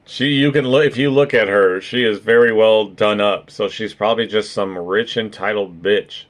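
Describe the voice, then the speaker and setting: Adult man, lowish voice, profane rambling streamer commentary. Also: fairly even intonation, normal speed. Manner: rambling, profane, keeps adding "right?". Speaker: streamer reacting to videos. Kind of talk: casual reaction commentary.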